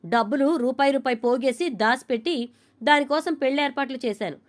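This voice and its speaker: A woman acting out a fired-up middle-aged mother who scolds and argues, her voice lifted a little higher and louder than plain talk. She sounds indignant, a figure retold from a family drama. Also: a little fast, natural voice. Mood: indignant scolding. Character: angry middle-aged mother, fiercely defending daughter.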